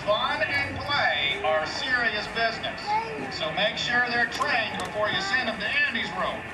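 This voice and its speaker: Brief: a kindly cowboy toy sheriff on a walkie-talkie, slow easy drawl, high voice, echoing from far-off park speakers. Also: male voice, animated. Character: friendly cowboy toy sheriff, easygoing male. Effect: heard over a walkie-talkie, played on park speakers. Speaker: prerecorded character voice in a live show. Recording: echoey outdoor loudspeaker from far off, loud ambient noise.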